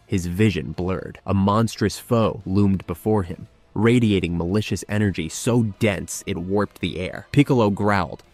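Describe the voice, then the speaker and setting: A man narrating a scripted fan fiction story with steady, dramatic storytelling. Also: sits low.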